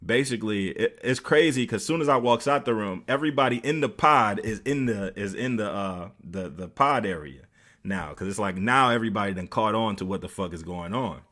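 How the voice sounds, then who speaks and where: A man's voice: fairly low pitch, lively intonation, a little fast, sharp tone. An American man streaming, loosely retelling a story with many fillers. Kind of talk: casual storytelling.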